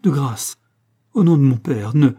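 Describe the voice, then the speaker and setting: A man's voice: medium pitch, fairly even intonation, moderate pace, mellow, slightly rough, lightly acted. A man voicing a devout young orphan woman who speaks proudly and pleads. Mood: pleading.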